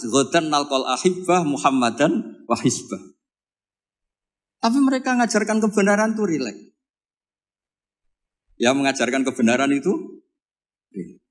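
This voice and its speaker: A man with a Javanese accent giving a relaxed religious lecture, teasing his audience and quoting Arabic verses. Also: medium pitch. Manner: jokey, teasing the audience, mixing in Arabic quotes. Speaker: Islamic preacher. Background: audience laughter.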